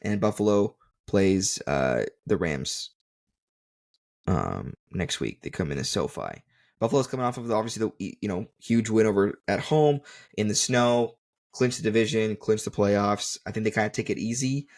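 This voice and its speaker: A man's voice: on the low side, animated, normal speed, darkish tone. A man co-hosting a casual sports podcast, making confident, joking predictions with lots of ums and uhs. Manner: bold, joking predictions with many fillers. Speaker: podcast co-host.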